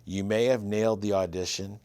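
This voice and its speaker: Brisk and fairly even in intonation, his lowish, darkish voice comes through with no echo. He's a Michigan-accented man in his fifties from Michigan, USA, a writer and producer easily telling his story as a guest in a casual interview chat.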